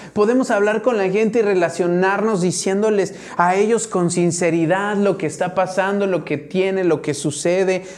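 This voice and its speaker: A man's voice: sits high, darkish tone. A male pastor with a Mexican accent delivers a conversational sermon. He talks like he's chatting with the pews and keeps checking in with his listeners.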